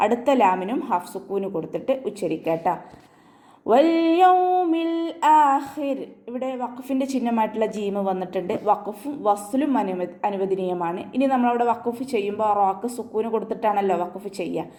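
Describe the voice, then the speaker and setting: Woman recitation teacher, online class; patient, step-by-step, gentle reminders; mid-pitched voice.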